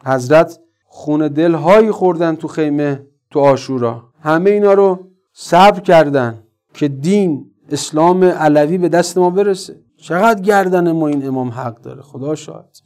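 A man's voice: fairly high pitch, darkish tone. A man preaching a religious sermon, earnest and building to emphatic exhortation.

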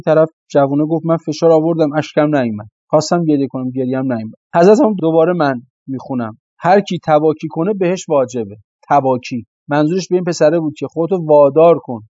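A man's voice: fairly high pitch, warm tone, no room sound. A man giving a religious sermon, stressing points with rhetorical questions and repeated phrases. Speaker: preacher. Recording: slightly dull, dry lo-fi recording.

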